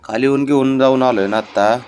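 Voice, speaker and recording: A man talking to his pet cat in a coaxing, cooing pet-talk manner, gently pleading and scolding. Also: mid-range voice, steady tone, brisk, faint music behind.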